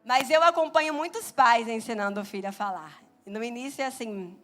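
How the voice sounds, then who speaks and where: A Brazilian woman in her thirties preaching a Sunday sermon in church, animated and acting out little quoted voices. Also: on the high side, brisk, soft background music. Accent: Brazilian Portuguese. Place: church sanctuary.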